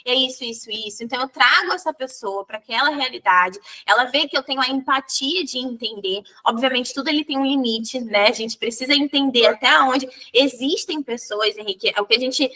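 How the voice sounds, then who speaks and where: Woman, Brazilian Portuguese accent, high voice, sharp bright tone, animated interview guest, sales leader. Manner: animated, tags sentences with "né?"; acts out her own dialogue with her team. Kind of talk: conversational interview.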